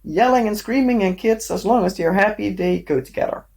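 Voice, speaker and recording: A woman with a hoarse, sick voice, rambling casually with lots of fillers and coughs as she chats on her crafting vlog. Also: medium pitch, brisk, darkish tone. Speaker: crafting vlogger. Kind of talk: casual chat while crafting.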